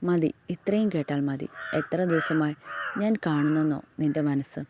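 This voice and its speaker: A woman voicing a devoted young husband in an audio love story, speaking softly and earnestly. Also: sits low, normal speed, noisy background, lightly acted.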